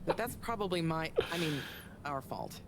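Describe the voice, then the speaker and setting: An actress voicing Bridget, a friendly, talkative energy consultant who chats in a breezy, upbeat way. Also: female voice, deep voice, lively intonation, normal speed. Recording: game audio with ambient noise.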